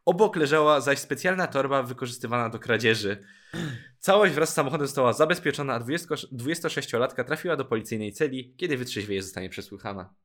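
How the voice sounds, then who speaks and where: A man's voice: mid-range voice, expressive, quick pace, a bit bright. A man co-hosting a casual podcast, reading out news stories and joking, with frequent laughs and exclamations. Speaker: podcast co-host.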